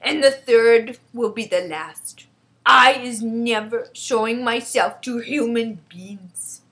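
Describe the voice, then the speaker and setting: A woman's voice: a little high, slow pace, pushed and bright, exaggerated voice. A woman voicing a big male giant from a storybook, stubborn and gloomy, speaking emphatically in muddled grammar. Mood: firm, weary. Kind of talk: storybook character voice.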